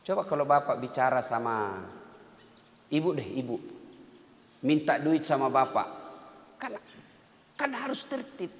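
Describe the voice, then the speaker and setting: A man preaching a sermon in an animated way, swinging between loud emphatic lines and soft, drawn-out chanting. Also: mid-range voice. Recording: echoey hall with long reverb.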